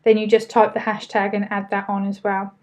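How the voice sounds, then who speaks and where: A woman's voice: medium pitch, monotone, fairly quick, a little mellow. A woman with an Essex accent hosting a casual live training, chatting informally as she reads out and answers questions, with loosely pronounced words.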